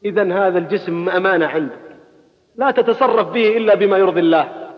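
A man preaching a colloquial sermon, swinging into loud exhortation, recorded at a mosque gathering. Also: sits high, quick pace, long reverb tail, dull audio.

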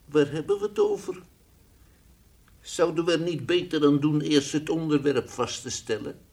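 A man voicing a playful, fussy toy lion in an old radio play, teasing at times and gently coaxing at others. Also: on the high side, very animated, moderate pace, breathy edge, exaggerated voice. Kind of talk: 1960s radio drama acting.

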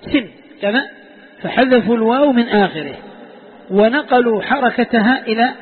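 A man's voice: very high-pitched, moderate pace. A man teaching a classroom lesson, often quizzing his students and repeating key words. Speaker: teacher of Quranic exegesis. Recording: phone-like sound with long hall reverb.

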